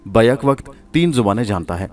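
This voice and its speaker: A man voicing a cautious English military commander in a spoken story, giving orders in a plain, measured way. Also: fairly low pitch, animated, a little mellow, lightly acted. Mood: wary.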